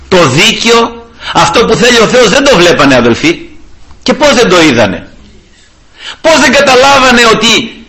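A man's voice: high-pitched, bright, forceful tone. Fiery man preaching a sermon. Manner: fiery, keeps calling out to the brothers with rhetorical questions; reads scripture in an old formal cadence, then preaches freely. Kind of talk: sermon with scripture reading.

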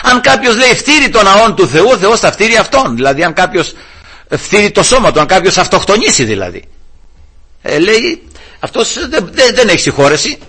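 A man's voice: high voice, very animated, pushed and bright, breathy edge. A male preacher giving a sermon, telling a Bible story and calling his listeners brothers.

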